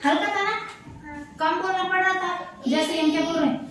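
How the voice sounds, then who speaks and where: A woman's voice: very high-pitched, fairly even intonation, fairly quick, fairly bright tone, slight background noise. A woman teacher giving a patient classroom lesson, prompting her pupils to repeat each sound after her. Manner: patient, repetitive call-and-response prompting. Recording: echoey room, voice from far off.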